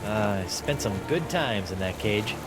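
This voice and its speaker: An actor playing an earnest, hapless young pirate hero in a video game, boyish and wry. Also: male voice, lowish voice, lively intonation, measured pace. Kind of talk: video game cartoon acting. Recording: loud game music over voice.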